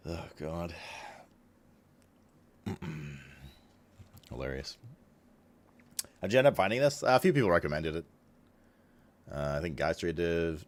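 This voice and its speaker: A man's voice: low-pitched, lively intonation, measured pace, pauses often. A man streaming, chatting casually about a game, swearing freely and laughing often.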